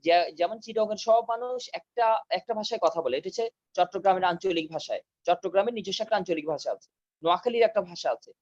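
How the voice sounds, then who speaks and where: Guy teaching over zoom, high voice, says the key words twice, kinda muffled call audio. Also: dry recording. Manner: repeats key terms slowly for notes. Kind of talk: online class lecture. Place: home, video call. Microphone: video call mic.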